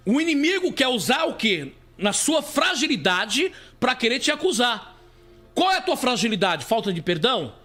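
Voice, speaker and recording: A man's voice: very high voice, big pitch swings, normal speed, pushed and bright, faint music behind. A man preaching as a bishop in a live-streamed testimony, talking with repetitive, stammering restarts.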